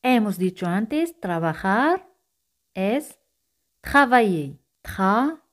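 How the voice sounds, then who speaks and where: Woman teaching a lesson, super slow and patient, says everything twice. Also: medium pitch, animated, darkish tone. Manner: repeats each phrase slowly, patient and clear. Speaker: language teacher. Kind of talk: slow-paced language lesson.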